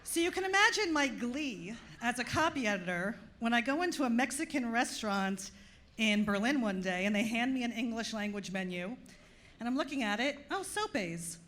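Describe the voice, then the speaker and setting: This woman from Long Island, New York, speaks with a Long Island accent while performing stand-up in a club, landing dry jokes at her own expense for the audience. She talks at normal speed in a slightly bright, higher-leaning voice that swings widely in pitch.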